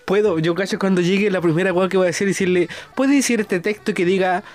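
A man's voice: sits high, fast talker, a little mellow. A man with a Chilean accent chatting casually as a podcast host, crude, slangy and joking. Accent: Chilean Spanish. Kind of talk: casual chat.

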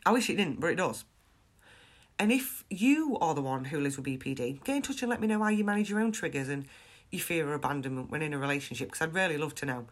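A woman's voice: low voice, expressive, fast. Congested woman hosting a chatty podcast. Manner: chatty, frank, self-deprecating. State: congested with a chest infection. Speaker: podcast host. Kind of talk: casual solo podcast monologue.

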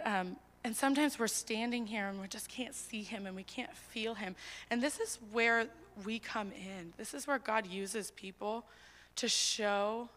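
A woman's voice: medium pitch, a bit bright, long reverb tail. A young woman giving a sermon in a church, talking in an earnest, conversational way with casual fillers. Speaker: preacher. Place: church hall.

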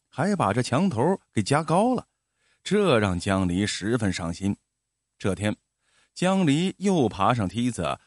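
Guy telling an old folk story, really expressive, voice going up and down a lot, dry close recording. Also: medium pitch, no echo. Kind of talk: storybook narration.

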